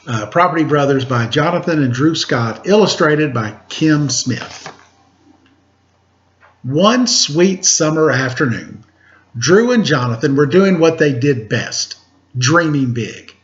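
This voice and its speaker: This teacher, reading a picture book at storytime, pitches his voice fairly high and stays animated while taking his time. Now and then he drops informal remarks to the kids listening. It was captured at home, with a roomy, dull sound and a little background noise.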